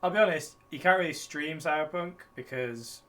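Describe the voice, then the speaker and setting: A man's voice: fairly high pitch, moderate pace, pushed and bright. A man chatting casually about games with friends over an online voice call, giggly and opinionated. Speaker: tabletop game player. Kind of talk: casual chat. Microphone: online voice chat.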